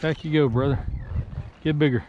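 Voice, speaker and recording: Excited man fishing from a boat. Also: a little high, moderate pace. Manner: excited, folksy, talks to viewers while handling fish. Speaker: fishing vlogger. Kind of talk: casual play-by-play fishing vlog. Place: small boat on open marsh water, outdoors. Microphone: chest-mounted action camera. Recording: slightly dull action-camera audio with faint water noise.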